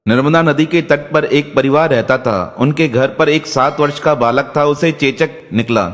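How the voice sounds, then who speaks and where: A man tells devotional miracle stories in a solemn, steady scripted narration. His voice sits a little high for a man. A long reverb trails behind every line. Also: moderate pace. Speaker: devotional storyteller.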